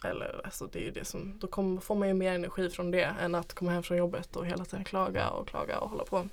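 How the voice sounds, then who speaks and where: Young woman, slightly low pitch, gravelly fry, reflective, informal, candid interview answers. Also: level tone. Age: young adult. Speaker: interview guest. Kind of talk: candid personal conversation.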